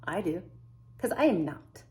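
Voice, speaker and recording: Talking casually to camera, this woman runs a true crime vlog in English, which isn't her first language, thinking out loud and quizzing her audience. She speaks low, unhurried and mellow, with a sing-song lilt.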